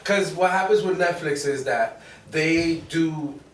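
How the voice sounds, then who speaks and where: A man, a comedian guest, answering questions in a casual podcast chat, halting with frequent ums and restarts. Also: fairly high pitch. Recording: roomy, distant mic with faint noise.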